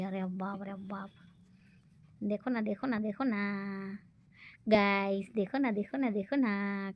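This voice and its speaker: A middle-aged woman with a Gujarati accent chatting through a casual travel vlog on a phone camera, repeating herself and often dropping to a hushed whisper. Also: mid-range voice, lo-fi sound. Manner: chatty, repeats "look" over and over, mixes Gujarati and Hindi. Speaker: vlogger. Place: outdoors at a beach.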